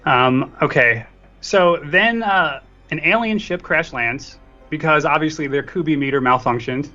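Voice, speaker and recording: A man whose voice sits on the high side speaks a little slowly with a sharp tone. As a podcast guest co-reviewer, he's casually discussing films while joking about himself. The lo-fi recording is dull, with faint music.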